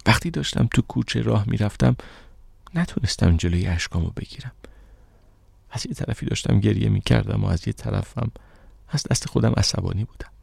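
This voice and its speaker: A man narrating an audiobook in the first person with steady, measured storytelling. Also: on the low side, gravelly, slightly rough, dry recording.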